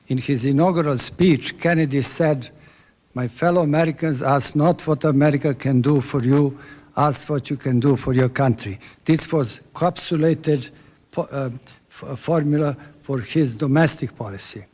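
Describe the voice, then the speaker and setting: A man's voice: mid-range voice, normal speed, a little mellow. A man with a Serbian accent speaking from the audience, making earnest, formal remarks and stumbling over words at times. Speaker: audience member asking a question.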